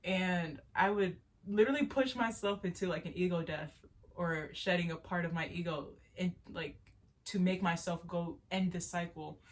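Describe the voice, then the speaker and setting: A young woman with a stuffy nose giving a casual, earnest tarot reading, rambling with restarts and little laughs. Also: lowish voice. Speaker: spiritual tarot reader. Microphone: solo video to camera.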